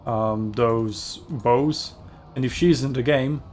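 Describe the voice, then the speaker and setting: A man hosts a gaming video in a casual, rambling commentary voice. He talks at a mid pitch, chatty and full of fillers. He often stops to correct himself. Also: takes it slowly, darkish tone, slight background noise.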